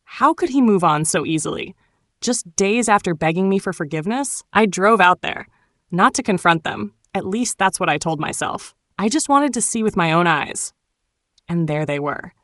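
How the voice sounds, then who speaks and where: Female storytime narrator, slightly low pitch, cool and sharp-tongued, dramatic first-person delivery. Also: expressive, normal speed, no room sound, studio quality.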